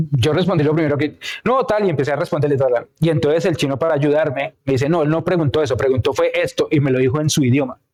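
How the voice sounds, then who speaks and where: A man's voice: on the high side, a little mellow. A male preacher giving a sermon in a conversational way, telling personal stories and checking in with his listeners. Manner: conversational, tells anecdotes, checks in with "¿sí?". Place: church.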